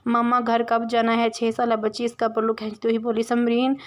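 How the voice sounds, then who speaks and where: A woman's voice: fairly high pitch, completely flat delivery, normal speed. A woman reading a romance novel aloud as narrator, voicing every character's dialogue in her own voice. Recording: dull lo-fi recording.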